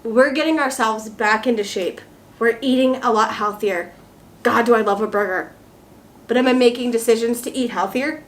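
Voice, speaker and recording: A woman's voice: a little high, moderate pace. A tipsy woman chatting casually and playfully as she co-hosts a travel vlog Q&A. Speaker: travel vlogger. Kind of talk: casual chat, Q&A.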